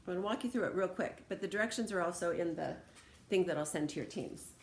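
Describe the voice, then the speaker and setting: An American woman teacher speaks quickly in a lowish voice, reading aloud and demonstrating things for her students. Her tone is informal, conversational, and encouraging.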